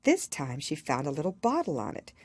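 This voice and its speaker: A woman narrates a storybook in a low voice. Her delivery is expressive and measured, with very lively melody, and the sound is dry and close. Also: breathy edge, dry recording. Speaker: audiobook reader.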